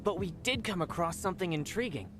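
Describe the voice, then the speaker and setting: An actress playing a young student, forgetful and uneasy, in scripted game dialogue. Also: female voice, lowish voice, animated, fast talker, faint music behind, natural voice.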